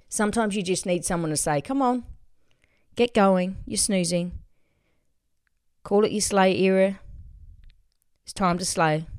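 An Australian woman hosting a motivational solo podcast, excitable and swearing casually. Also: sits low, no echo, clean studio sound. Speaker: podcast host.

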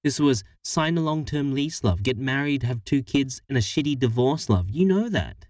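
A man's voice: medium pitch, expressive, moderate pace, a little mellow, no echo, studio quality, far from the mic, pitched above the performer's own voice, lightly acted. A man putting on an exasperated, blunt young woman. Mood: weary. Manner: blunt and impatient. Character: exasperated young woman ending a long relationship.

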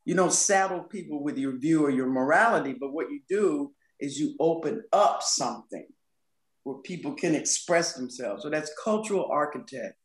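A woman's voice: low-pitched, expressive, normal speed, echoey room. A woman guest on a podcast talking about culture and communication in a thoughtful, emphatic way. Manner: thoughtful, emphatic, laughs easily. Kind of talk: podcast conversation.

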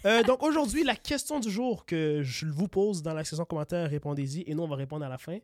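A man's voice: fairly high pitch, animated, fairly quick, no room sound, studio quality. A man with a Québécois accent hosting a casual couple's podcast late at night, joking and stammering, a bit tired. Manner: joking, stammering, playful boasting. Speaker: podcast host. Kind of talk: casual chat.

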